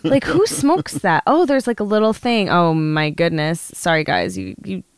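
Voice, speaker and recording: A woman's voice: fairly low pitch, very animated, normal speed, clean tone, dry recording, clean studio sound. A woman co-hosting a casual, giddy podcast outdoors on a backyard deck, speaking informally. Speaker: podcast co-host.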